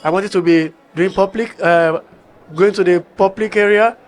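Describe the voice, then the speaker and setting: A young man from Nigeria speaking as a tech entrepreneur on an interview panel, earnest and halting, with frequent restarts. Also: high-pitched, fairly even intonation. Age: young adult. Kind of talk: panel conversation. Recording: faint ambient background noise.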